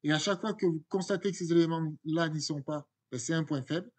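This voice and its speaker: A man's voice: a little high, fast, darkish tone. A man teaching, walking students through an exam correction in a conversational way, with fillers and restarts. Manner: conversational, repeats words, many fillers and restarts.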